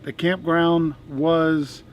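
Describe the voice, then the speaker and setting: A man's voice: on the high side, level tone, very slow, a little hiss or hum, poor audio. A man hosting a family travel vlog in a friendly, casual way, a little nervous on camera.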